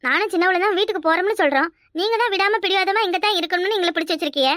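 A woman's voice: extremely high pitch, very fast, sharp tone. A woman voicing a cheeky, earnest young village girl in a cartoon, with a Kanyakumari Tamil accent. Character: young unmarried village girl, spirited and fond.

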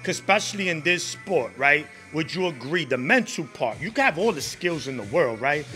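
A man hosts an interview in a boxing gym, coaxing his guest with upbeat praise and frequent "right?" tags. His voice is very bright and sharp, and slightly higher than average for a man. He holds a handheld mic. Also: lively intonation, moderate pace, faint music behind. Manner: hyped, encouraging, repeats "right?". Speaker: interviewer, host. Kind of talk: casual interview questions. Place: boxing gym beside a ring, indoors.

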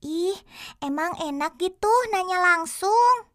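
A very high, bright little girl's voice in a children's TV drama. She is a shy schoolgirl with a Sundanese lilt. She speaks slowly and hesitantly, like a young child. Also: animated, heavily acted. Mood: curious.

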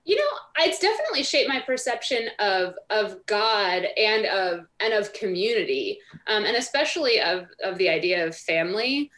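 A woman's voice: medium pitch, very animated, moderate pace, hardly any pauses, fairly bright tone. A woman of thirty, an author guesting on a radio interview over a video call from home, speaking thoughtfully with many fillers like um and like. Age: 30s. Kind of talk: remote interview answers.

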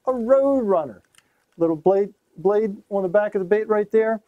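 A man's voice: sits high, normal speed, no echo, narrow, tinny audio. A middle-aged man hosting a fishing gear demonstration in a small tackle shop, talking in an upbeat, emphatic way. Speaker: host.

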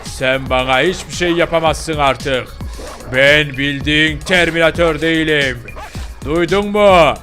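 A man's voice: on the high side, measured pace, pushed and bright, faint music behind. A man voicing a boastful, hot-headed young male pitbull in a game role-play, trash-talking and then stammering.

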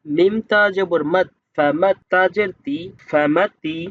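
High-voiced man teaching slow letter-by-letter recitation. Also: no echo, phone-quality sound. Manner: spells out letters and vowel marks, then slowly draws out the blended word. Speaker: Quran reading teacher. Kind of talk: step-by-step spelling lesson.

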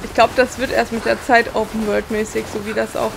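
A woman's voice: a little high, little pitch movement, brisk. A woman giving casual gameplay commentary in a blunt, impatient, colloquial way. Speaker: let's player. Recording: clear background noise.

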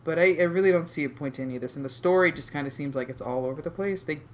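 A man's voice: a little high, rapid-fire. Rambling hesitant man co-host. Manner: rambling, hesitant, many restarts. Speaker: podcast co-host. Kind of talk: casual group reaction chat.

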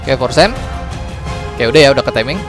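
A man's voice: medium pitch, animated. A young man hosting a casual game tutorial, chatty and upbeat, often calling out to his viewers and laughing off his own mistakes. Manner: chatty, says guys constantly, quick apologies and laughs at his own slips. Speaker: gaming channel host. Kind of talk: casual gameplay tutorial commentary. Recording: music playing under the voice.

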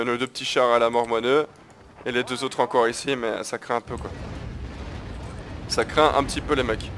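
A man's voice: mid-range voice, fairly bright tone. Man giving crude, chatty gameplay commentary. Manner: chatty, crude slang, keeps addressing viewers as guys. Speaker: gaming video host. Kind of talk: casual live gameplay commentary.

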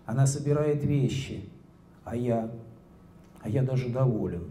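A man in his forties, an author, reads his own short stories aloud at a book evening, speaking calmly and steadily with pauses into a handheld microphone indoors. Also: mid-range voice, slight background noise. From Russia. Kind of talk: public reading of short prose. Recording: roomy echoing hall.

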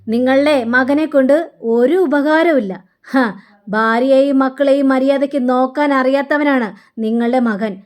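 A woman's voice: high voice, close to an everyday voice. Woman voicing Rachana, a spiteful schemer. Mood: scornful. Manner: taunting, slow and cutting. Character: spiteful scheming young woman taunting her mother-in-law.

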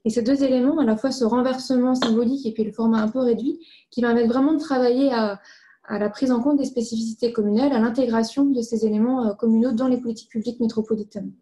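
A woman lays out her findings in a formal manner, her voice fairly high and very soft and mellow. Her explanation proceeds point by point with fairly even intonation, and she talks fast.

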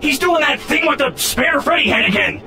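A man voicing a hot-headed male pirate fox animatronic in a fan animation, yelling furiously and paranoid. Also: very high-pitched, normal speed, a little hiss or hum, heavily acted. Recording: music playing underneath.

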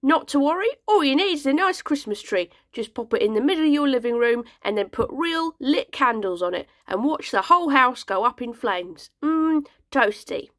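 A woman's voice: high-pitched, animated, moderate pace, hardly any pauses, a bit bright, no echo, studio quality. A woman playing a chirpy Victorian urchin. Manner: chirpy, breezy delivery of grim jokes. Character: cheerful grimy Victorian urchin girl, chirpy and morbid. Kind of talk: comic sketch monologue.

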